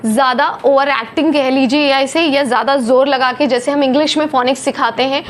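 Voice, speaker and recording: Woman, Hindi phonics teacher, high voice, carefully drawn-out letter sounds. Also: steady tone. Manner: slow, over-articulated letter sounds. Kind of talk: phonics lesson.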